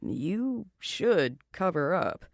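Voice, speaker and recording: Brief: woman doing a lower, laid-back teasing man, dry close sound, amused and unfazed. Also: sing-song, very slow, vocal fry, dry recording, full character voice. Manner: teasing, nonchalant. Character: amused, unbothered naked male stranger. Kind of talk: audiobook character voice.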